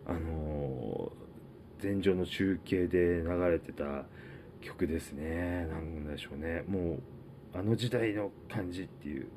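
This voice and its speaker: Low, mellow-voiced man chatting alone. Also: takes it slowly, a little hiss or hum. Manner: rambling, filler-heavy, reads out list items. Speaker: podcast host. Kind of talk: casual solo talk.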